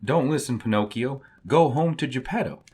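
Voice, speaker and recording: A man's voice: medium pitch, lively intonation, moderate pace, darkish tone, breathy edge, pitched above the performer's own voice. A man voicing a small, worried cricket in a storybook, urgent and admonishing. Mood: urging. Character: small male cricket, cautioning, worried conscience.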